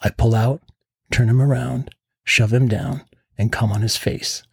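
Man, husky breathy voice, calm first-person narration, dry close sound. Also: mid-range voice, a little slow, dry recording. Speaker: podcast narrator.

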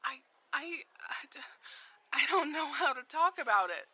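Bright, anguished, haunted mother played by a woman. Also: sits high, very animated, full character voice. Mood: pleading, guilty. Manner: halting, emotionally fraught. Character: anguished, guilt-ridden mother haunted by voices. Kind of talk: audio drama acting.

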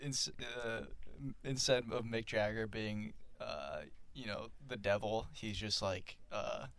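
Gravelly-voiced man chatting on a podcast. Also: on the low side, slow, a bit bright. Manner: hesitant, many fillers, laughs easily. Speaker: podcast guest. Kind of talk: casual chat.

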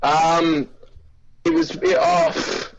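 A man's voice: fairly high pitch, little pitch movement, slow pace, highs cut off, slight background noise. An Australian man, a guest actor, telling stories in casual, sweary, laughing chat. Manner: laid-back storyteller, sweary, laughs often.

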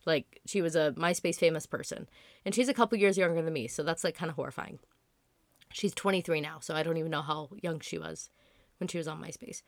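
Hoarse sick girl in her 20s rambling on her podcast, lowish voice, dry close sound. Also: fairly quick, no echo. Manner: chatty and rambling, many "like" fillers. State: hoarse from illness. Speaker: podcast host. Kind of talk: casual solo podcast chat.

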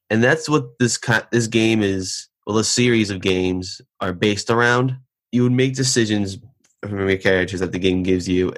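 Easygoing young man explaining a game. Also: low voice. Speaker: podcast co-host. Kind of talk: casual game review chat.

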